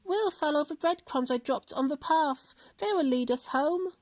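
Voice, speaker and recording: Man putting on a high-voiced little storybook boy, smart, brave, dry close sound. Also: normal speed, no echo. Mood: reassuring.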